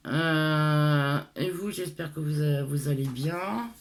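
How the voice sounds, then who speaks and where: A woman's voice: sits low, takes it slowly. A middle-aged woman from France with a lisp on her s sounds, chatting casually to her followers in a hesitant, rambling, self-deprecating way. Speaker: craft tutorial vlogger.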